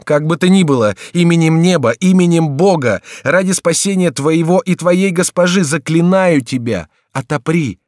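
A man voicing a desperate young male count who shouts warnings and pleads frantically in an audiobook reading. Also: medium pitch, normal speed, few pauses, dry recording, clean studio sound, pitched above the performer's own voice, lightly acted. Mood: pleading.

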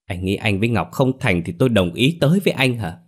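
A man's voice: on the low side, lively intonation, fast. A man voicing an indignant young woman scolding a man.

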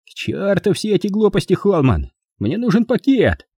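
A man's voice: high voice, wildly swooping pitch, moderate pace, dark tone, breathy edge, no echo, studio quality, pitched above the performer's own voice, full character voice. A man reading an audiobook, voicing a sneering young man with a gun who mocks and drawls in a nasty way. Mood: demanding. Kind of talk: audiobook character voice.

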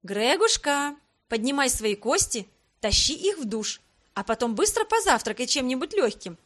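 Cast: a woman as a brisk, teasing young heroine, lively high delivery. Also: exaggerated voice. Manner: brisk, commanding, playful. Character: bold cheerful young woman, bossy and teasing. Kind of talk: audiobook character reading.

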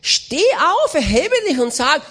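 A woman's voice: high voice, big pitch swings, measured pace, a bit bright, slight background noise. A woman speaking a sermon as a voice-over, in an emphatic, exhorting way.

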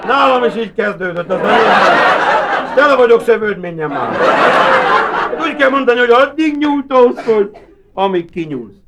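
A man's voice: extremely high pitch, sing-song. A man performing a live cabaret monologue as a boastful, rambling male asylum inmate who keeps buttonholing his listener. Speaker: cabaret comedian. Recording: hissy old cassette of a live show with loud audience laughter.

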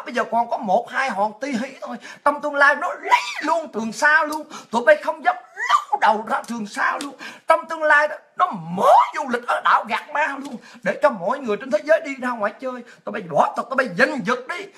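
A woman from Vietnam, delivering a ranting, mocking monologue as a political commentator, often shouting. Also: sits high. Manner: shouting, mocking, with crude insults and laughs.

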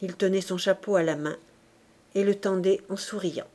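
A woman reading a classic novel aloud as an audiobook narrator, clear and measured. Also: medium pitch, steady tone, a little mellow. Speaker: audiobook reader.

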